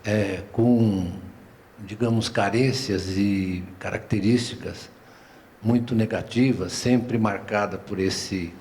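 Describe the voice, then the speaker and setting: An older man with a Paulistano Brazilian accent, speaking on a round-table panel in an unhurried, discursive way, often tagging his phrases with a questioning aside and restarting his sentences. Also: fairly low pitch, steady tone, a little mellow, a little hiss or hum. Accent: Paulistano Brazilian Portuguese. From São Paulo, Brazil. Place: museum auditorium.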